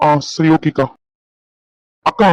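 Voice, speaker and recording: A man's voice: slow, no echo. A man, pleading and comforting his wife in a couple vlog, repeating himself. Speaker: husband, vlogger. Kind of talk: emotional couple vlog talk. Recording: dull lo-fi recording.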